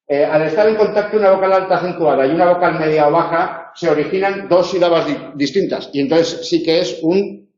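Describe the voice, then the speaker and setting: A man with a Spanish accent from Spain, tutoring a class, explaining step by step, correcting himself and often tagging his points with quick questions. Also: fairly high pitch, a little mellow. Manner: explanatory, self-correcting, frequent tag questions. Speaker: university tutor. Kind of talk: lecturing in a tutorial. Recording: roomy, slightly dull classroom recording.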